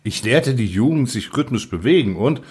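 A man doing a gentle, lofty young angel. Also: medium pitch, expressive, normal speed, husky. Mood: solemn. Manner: soft, solemn, unctuous speech.

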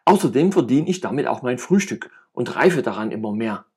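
A man's voice: medium pitch, expressive, fairly quick, a little mellow, slightly rough. A man reading aloud and voicing a jovial, talkative middle-aged friend who rambles and teases with cynical humor. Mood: playful teasing. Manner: rambling, playful banter.

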